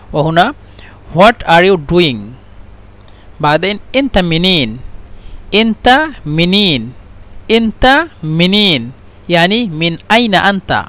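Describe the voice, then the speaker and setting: A man's voice: high voice, bright, forceful tone. A man teaching a language lesson, saying each phrase several times and glossing it in other languages. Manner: repeats each phrase slowly, switching between dialect, standard Arabic and English. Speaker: Arabic teacher.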